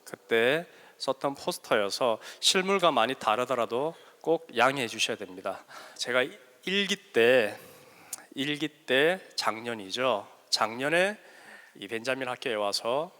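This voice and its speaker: A man from South Korea, whose regional Korean dialect shows through his learned Seoul speech, gives a lecture to students as a guest mentor at a school workshop in a large hall. His bright, forward, medium-pitched voice is animated, joking and self-deprecating, with hesitant pauses and frequent fillers. He uses a handheld microphone, and a long hall reverb trails each phrase.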